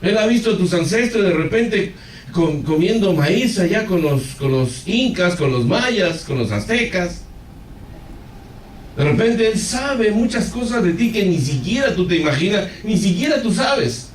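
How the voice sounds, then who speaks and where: Male pastor, lively storytelling sermon, fairly high voice, recorded far off in an echoey hall. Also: unhurried, slight background noise. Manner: animated storytelling with direct address to the congregation.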